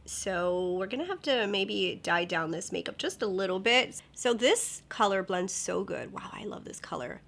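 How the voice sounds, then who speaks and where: Here a young woman vlogger talks through her makeup routine in a medium-pitched, slightly nasal voice with some vocal fry. She sounds upbeat and expressive at a normal speed, pausing little and occasionally slipping into a soft whisper.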